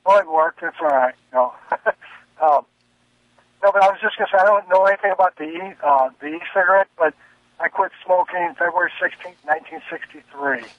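An older man calling in to a radio talk show on a speakerphone, talking haltingly and repeating himself. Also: high-pitched, lively intonation, dry recording. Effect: caller on a speakerphone over a phone line. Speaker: caller. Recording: tinny speakerphone call with a dry sound.

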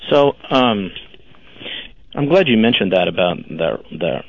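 A man in his fifties with a very deep, gravelly voice comes through a crackling, distorted phone line. The sound is husky and dull, and it lacks any room echo. He talks in a halting, dry way as a caller. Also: big pitch swings. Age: 50s. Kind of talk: casual call-in chat.

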